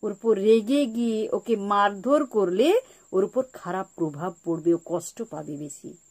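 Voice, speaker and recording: A woman giving a spiritual talk on parenting, repeating her key points slowly like a teacher. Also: mid-range voice, darkish tone, slightly rough. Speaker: spiritual speaker.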